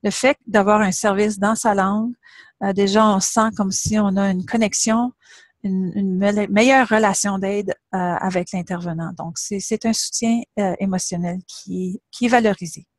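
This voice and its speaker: A middle-aged university professor gives a webinar presentation in a medium-pitched voice with fairly even intonation and no room sound. Her delivery is explanatory and measured, laying out her points in order.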